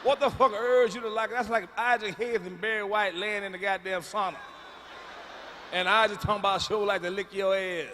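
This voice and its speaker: High bright-voiced guy doing standup, cussing loud the whole set, echoey live hall. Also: steady tone, brisk, a little hiss or hum. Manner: profane, loud storytelling with sudden hollers. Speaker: stand-up comedian. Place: comedy stage before a live audience. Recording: live hall recording with reverb.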